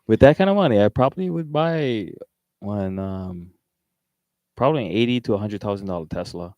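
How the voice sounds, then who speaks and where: Deep-voiced laid-back island man. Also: lively intonation, brisk, a little mellow, dry recording, low-quality recording. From Wai'anae, Hawaii. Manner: laid-back, laughs easily, stumbles and repeats words. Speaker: podcast host. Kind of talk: casual chat. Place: small studio room.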